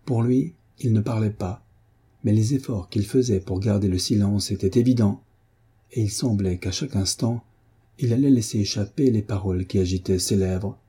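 Husky, dark-voiced male narrator. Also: lowish voice, normal speed. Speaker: audiobook reader. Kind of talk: literary narration.

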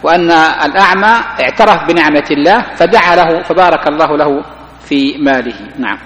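A man, a sheikh, giving a mosque lesson on creed, explaining slowly with many restarts. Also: a little high, a bit bright. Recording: echoey mosque hall recording.

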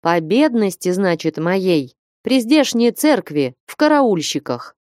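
Brief: a woman playing a surly old watchman, an ex-soldier; rough peasant speech, sharp delivery. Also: medium pitch, big pitch swings, takes it slowly, no room sound, studio quality. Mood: chatty. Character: gruff old male church watchman, retired soldier.

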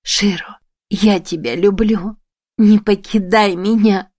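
A woman's voice: mid-range voice, fairly even intonation, moderate pace, slightly rough, no room sound, clean studio sound, close to an everyday voice. Woman playing a sobbing young heroine. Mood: grieving. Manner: pleading, on the edge of hysteria. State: crying.

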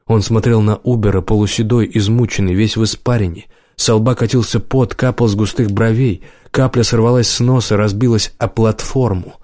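A man narrating an audiobook in a measured storytelling manner on a close studio mic. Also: fairly low pitch, steady tone, darkish tone, no echo. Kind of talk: scripted narration.

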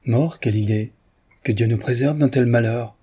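A man's voice: medium pitch, normal speed, warm tone, husky, close to an everyday voice. A man reading aloud, voicing an indignant, grieving young widow who pleads in a raised voice.

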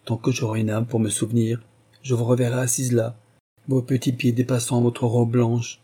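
A man's voice: mid-range voice, level tone, normal speed, breathy edge, natural voice. A man reading an audiobook voices an earnest young suitor speaking tenderly. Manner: tender, soft-spoken.

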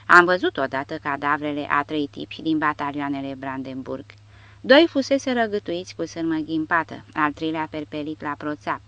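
A woman's voice: sits low, a bit bright, no echo, lo-fi sound. A woman voicing a bitter, cynical male soldier with a mocking tone.

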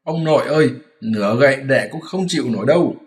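A man's voice: medium pitch, animated, quick pace, close to an everyday voice. A man voicing a lazy, fearful pig-monk who pleads and blusters in a whiny, flustered way, in a storybook reading. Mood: pleading. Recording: roomy echoey room.

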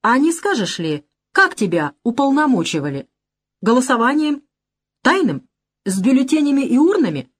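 A stern, steady male party secretary from an audiobook, as a woman reader plays him. He speaks in a measured, firm way, with her own fairly high voice showing through. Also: breathy edge, exaggerated voice.

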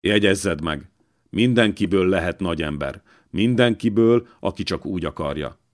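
Brief: gruff old man, deep and slow-spoken, fatherly and weighty, read by a male narrator. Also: natural voice. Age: older. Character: wounded old man, former royal servant, gruff, fatherly.

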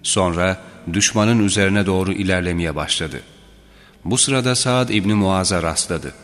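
A man narrating religious history aloud in a measured, solemn reading style. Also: deep voice, a bit bright. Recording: reverberant with faint background music.

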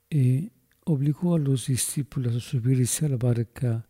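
Slow, solemn priest with a dark voice. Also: male voice, mid-range voice, dry recording. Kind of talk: liturgical recitation of a Latin Mass with a Spanish gospel reading.

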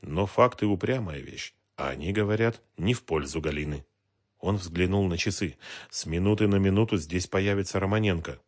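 A man reading an audiobook, narrating a tense scene in a measured, dramatic way. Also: deep voice. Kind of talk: scripted narration.

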